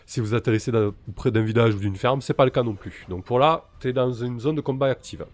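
A man's voice: medium pitch, a little fast. A man acting as game master of a tabletop role-playing game, reading out rules and working through them aloud with fillers. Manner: explains rules step by step, thinking aloud with fillers.

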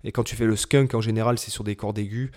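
A man's voice: lowish voice, steady tone, fast talker, darkish tone. A man, a guitar teacher who hosts a channel, chatting casually and hesitantly with many restarts. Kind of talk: casual chat.

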